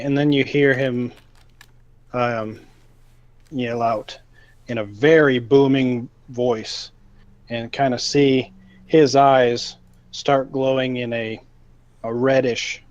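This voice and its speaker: Slow-talking man running a tabletop game. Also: medium pitch, steady tone, no echo. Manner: slow, halting narration with fillers. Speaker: game master. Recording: dull lo-fi sound.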